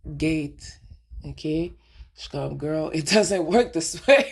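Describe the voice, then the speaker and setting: Her voice sits low and gravelly, expressive, with drawn-out words, over a faint hiss or hum. She's a radio show host from Quebec with a Québécois French accent, rambling frankly through a casual monologue. She slips into English mid-sentence and asks rhetorical questions.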